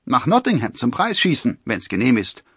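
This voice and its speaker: A man's voice: on the low side, animated, a little slow, fairly bright tone, slightly rough, no echo, clean studio sound, heavily acted. A man voicing a proud, bold young male archer.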